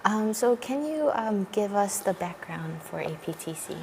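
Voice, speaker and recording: A woman hosts a morning show interview with halting, hesitant questions. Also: medium pitch, expressive. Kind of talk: interview hosting. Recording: noisy room with clear background ambience.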